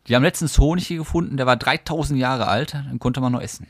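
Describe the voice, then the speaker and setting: A man's voice: mid-range voice, quick pace, no room sound, studio quality. A man co-hosting a podcast, chatting casually and teasing his partner with playful questions. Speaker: podcast co-host. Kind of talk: casual chat.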